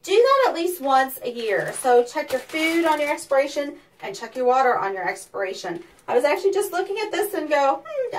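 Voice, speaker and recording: A safety presenter for a weather company gives a chatty, practical how-to demonstration from a small underground tornado shelter, using fillers as she instructs. Her high, slightly bright voice carries a hollow cave-like echo from a distant mic, with faint noise.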